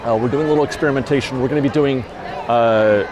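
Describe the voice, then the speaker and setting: Strolling through a theme park at dusk, a man talks fast in a mid-range voice for his casual vlog, his musings rambling, reflective, and sentimental. His lapel mic catches a noisy background full of crowd chatter.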